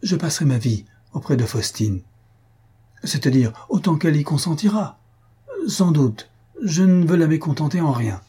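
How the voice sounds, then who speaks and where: A man's voice: fairly high pitch, animated, normal speed, mellow, voice pushed up. A man reading the part of an impassioned young nobleman who pleads vehemently. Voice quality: husky.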